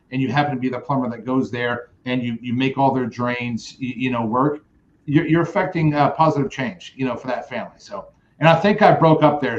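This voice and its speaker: A man's voice: medium pitch, a little hiss or hum. A man chatting as a podcast guest over a remote call, rambling and interrupting himself as he tells stories. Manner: rambling, self-interrupting storyteller. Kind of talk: casual chat. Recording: echoey, muffled remote call audio.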